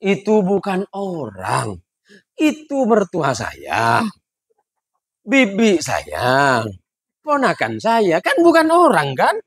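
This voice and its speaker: A man's voice: on the high side, very animated, moderate pace, no echo, clean studio sound. A man acting out a naive, stubborn male pickup driver with a Madurese accent. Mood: innocent. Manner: innocent, stubborn.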